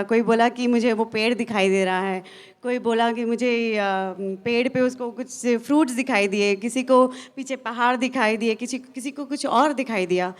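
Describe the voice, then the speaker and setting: A woman speaking earnestly to an audience as a motivational speaker, pausing often with fillers and restarts. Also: fairly high pitch. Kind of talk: stage talk to an audience.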